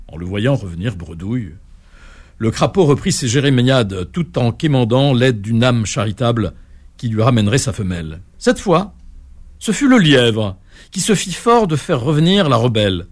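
A man narrating an animal folk tale in an expressive, measured way, lifting his voice at key moments. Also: mid-range voice. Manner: expressive, measured telling with sudden lifts. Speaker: storyteller.

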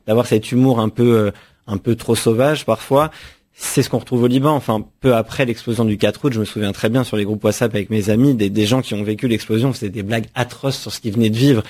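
A man's voice: fairly low pitch, darkish tone. A young man from France, an author answering radio interview questions in a thoughtful way, often restarting and repeating words. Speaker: author guest.

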